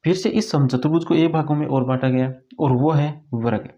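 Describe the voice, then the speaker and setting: A man's voice: a little high, a little fast, warm tone. A man teaching a school math lesson in Hindi, asking questions and then answering them himself. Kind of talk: classroom lesson explanation. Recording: dull lo-fi recording.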